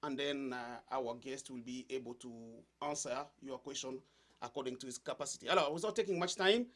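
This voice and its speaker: Fast-talking male interview host. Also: medium pitch, a bit bright. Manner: encouraging, frequent backchannel mm-hmms. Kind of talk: interview hosting.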